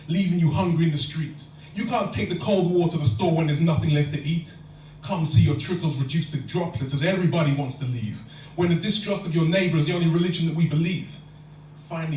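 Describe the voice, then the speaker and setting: A faint hum and the echo of a lecture hall surround a London man's spoken word performance, picked up from far away. He keeps his rhymes in a steady rhythm, his voice pitched a little high.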